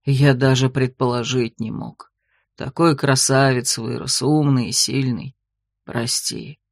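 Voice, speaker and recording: A woman voicing a grey-haired male werewolf, gentle and devoted, who speaks softly, low and slowly. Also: steady tone, no echo, clean studio sound, exaggerated voice. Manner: soft, low and slow.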